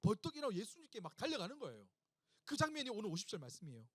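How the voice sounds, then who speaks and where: A man's voice: sits high, huge pitch swings, very fast, slightly rough, no echo. A male pastor preaching a sermon to young adults. He tells the story with emphasis, repeats phrases and keeps asking the congregation questions.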